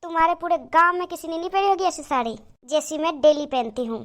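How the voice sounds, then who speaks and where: A woman's voice: very high voice, steady tone, fast, fairly bright tone. A woman voicing a rich, boastful city daughter-in-law in a cartoon moral story, haughty and mocking.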